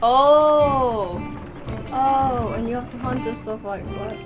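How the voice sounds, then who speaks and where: Woman co-hosting a let's play, kinda high voice, quick little reactions, game music loud behind. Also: low-quality recording. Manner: short quick reactions and questions. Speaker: co-host. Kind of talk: casual game commentary.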